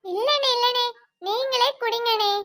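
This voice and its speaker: Woman voicing a gossipy village lady, sing-song and dramatic, high bright. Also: a little slow, full character voice.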